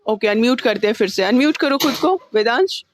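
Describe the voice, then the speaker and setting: A woman's voice: a little high, lively intonation, a little fast. Patient woman teaching an online class. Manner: patient, coaxing, calls students babu; mixes Hindi with English terms.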